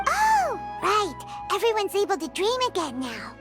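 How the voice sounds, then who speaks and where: A woman voicing a tiny, chirpy fairy-like girl companion in a video game who talks about herself in the third person, with a very high childlike voice. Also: huge pitch swings, measured pace, exaggerated voice. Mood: casual. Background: game music.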